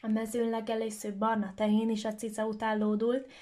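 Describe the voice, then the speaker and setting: A woman telling a children's story aloud in a lively, expressive way. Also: on the high side.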